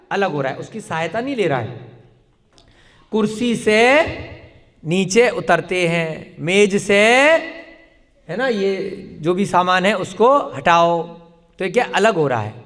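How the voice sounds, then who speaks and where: A man's voice: high voice, a bit bright. A man teaching a classroom lesson, quizzing his students with repeated questions and answering them himself. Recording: long hall reverb.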